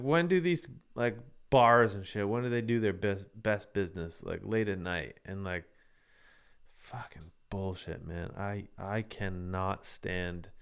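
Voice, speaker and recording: Angry profane man with a smooth, low voice. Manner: heated, profane ranting. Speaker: livestream show host. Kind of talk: live-streamed casual monologue.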